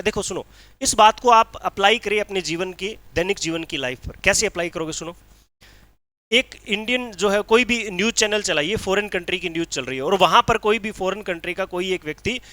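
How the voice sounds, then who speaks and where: A male teacher, giving an exam-prep lecture, asking rhetorical questions and reading English lines out slowly. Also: sits high, pushed and bright, no room sound.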